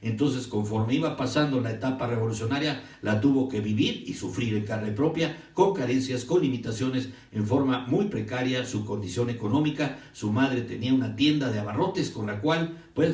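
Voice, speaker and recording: A man's voice: medium pitch, a little mellow. An older Mexican man hosting a live-stream history show, talking chattily and emphatically while greeting viewers by name. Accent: Mexican Spanish. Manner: chatty, digressive, emphatic storyteller. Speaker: host of a history and commentary show. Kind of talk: live-stream talk with viewer shout-outs. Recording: roomy echo, distant from the mic.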